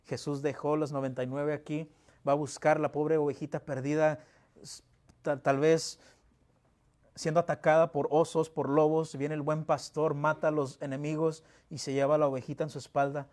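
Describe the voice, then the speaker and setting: A man's voice: fairly high pitch, little pitch movement, normal speed, a little mellow. A man delivers an emphatic church sermon in a slightly raised voice. He poses rhetorical questions and answers them by reading scripture aloud. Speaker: pastor. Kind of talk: Spanish-language sermon. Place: church sanctuary.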